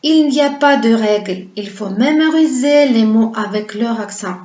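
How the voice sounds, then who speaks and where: A woman's voice: fairly high pitch, animated, unhurried, darkish tone. A woman teaching a pronunciation lesson, explaining patiently and asking her viewers to repeat words after her. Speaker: Russian language teacher. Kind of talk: slow, carefully paced pronunciation lesson. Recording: roomy, slightly dull lo-fi sound.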